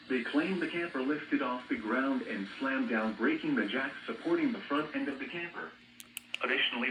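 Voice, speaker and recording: A synthetic American male voice in the mid range reads a scripted weather bulletin, flat and mechanical, reciting codes and figures like a weather radio announcer. The audio is muffled and noisy, caught from a speaker in a reverberant room through a distant mic.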